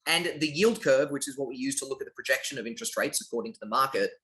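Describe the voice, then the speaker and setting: A man's voice: mid-range voice, racing, bright, forceful tone. An Australian man talking casually as an interview guest, his phrases often rising in upward inflection at the ends. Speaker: interview guest, finance project lead.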